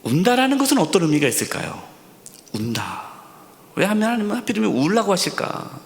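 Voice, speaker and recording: A man's voice: high voice, wildly swooping pitch, a little fast, vocal fry. Emphatic man preaching in a reverberant church. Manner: emphatic preaching with rhetorical questions and repetition; drops to a soft near-whisper on key words. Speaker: senior pastor. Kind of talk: sermon at a Friday prayer service. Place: church sanctuary. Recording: long hall reverb in a church sanctuary.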